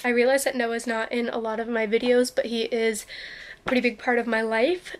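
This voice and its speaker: A woman in her twenties chatting casually to her camera at arm's length in her bedroom, with lots of ums and likes. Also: on the high side. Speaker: vlogger. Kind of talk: casual vlog chat. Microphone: handheld camera at arm's length.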